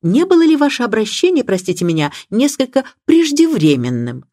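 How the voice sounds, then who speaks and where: A woman reading the part of an elderly spinster detective, mild and precise, with a lively voice. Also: on the high side, a little fast, no echo, studio quality, pitched above the performer's own voice. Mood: probing. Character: shrewd gentle elderly spinster sleuth.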